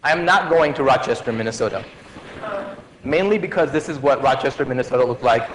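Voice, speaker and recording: A man's voice: mid-range voice, a little fast. A man in his forties addresses medical students in a lecture hall, his voice carrying a long reverb tail. He talks casually with jokes, fillers and restarts, over a faint background hum. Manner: conversational, joking, many fillers and restarts.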